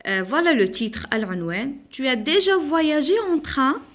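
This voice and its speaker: A woman's voice: high voice, very animated, a little slow, fairly bright tone. A young woman teacher with an Algerian accent, patiently explaining a French lesson to young pupils and mixing in Arabic. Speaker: primary school teacher.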